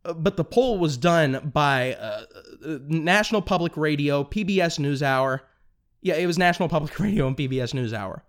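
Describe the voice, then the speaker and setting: Young man, podcast host, political commentary, fairly high voice, excitable, stumbling restarts. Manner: fast, excitable, stumbles over words and restarts.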